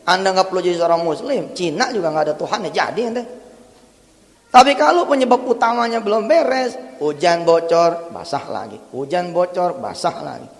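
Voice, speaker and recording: A man's voice: high voice, expressive, normal speed, vocal fry, big-room sound. A man preaching, mixing chanted verses with casual, slangy storytelling. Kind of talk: sermon with Quranic recitation.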